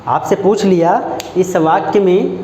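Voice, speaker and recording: A man with a Hindi accent from Uttar Pradesh, teaching a grammar lesson in a slow, deliberate way, repeating phrases and asking if it is clear. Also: high voice, dark tone. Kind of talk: classroom lesson. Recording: echoey room with faint background noise.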